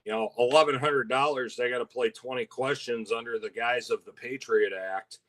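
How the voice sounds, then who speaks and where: A man's voice: medium pitch, fairly even intonation, moderate pace, fairly bright tone. A man from Michigan co-hosting a live-stream chat, chatty and wry, laughing easily. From Michigan, USA. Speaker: co-host.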